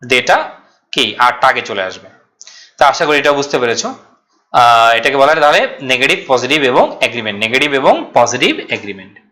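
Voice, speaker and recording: A man's voice: medium pitch, sing-song, normal speed, bright, forceful tone. A man teaching English grammar to students, repeating rules and asking then answering his own questions. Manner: stretches out English example sentences. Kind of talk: classroom lesson explaining exam questions.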